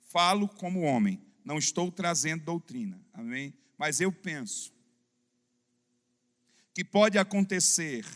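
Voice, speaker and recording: High-voiced Brazilian pastor preaching. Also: male voice, a bit bright, big-room sound. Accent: Brazilian Portuguese. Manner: fervent preaching with "amém?" call-and-response. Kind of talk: sermon. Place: church sanctuary.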